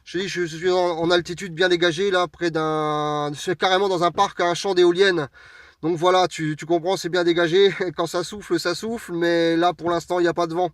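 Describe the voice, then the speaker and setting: A Frenchman with a high, level voice chats casually and somewhat hesitantly as an amateur radio operator, making contact from a vehicle parked outdoors on an open plateau. He speaks at a moderate pace, and the mic sits at a distance from him, though the sound is clean and studio-like with no room ambience.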